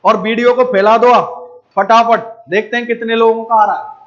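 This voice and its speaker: High-voiced Hindi math teacher, coaxing. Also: male voice, steady tone, moderate pace, fairly bright tone, dull audio. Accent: Rajasthani Hindi. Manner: coaxing, repeats checks for understanding. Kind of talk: live online math class.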